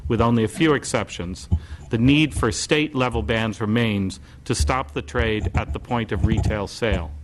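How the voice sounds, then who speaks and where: A man's voice: on the low side, moderate pace, background noise. A man testifying before a legislative committee, reading a prepared statement in an urgent, formal way.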